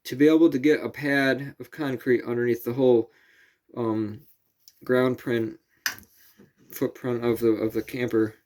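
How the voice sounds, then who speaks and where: A man's voice: mid-range voice, level tone, a little slow, pauses often, a little mellow. A man vlogging casually outdoors at night near a camper, rambling and correcting himself as he goes.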